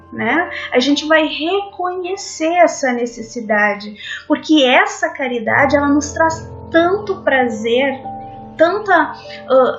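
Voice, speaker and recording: Woman, high voice, unhurried, earnest devotional lecture, dull lo-fi sound, soft music behind. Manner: earnest, addresses listeners as friends. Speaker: spiritist lecturer. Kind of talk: devotional talk. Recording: dull lo-fi audio with faint music.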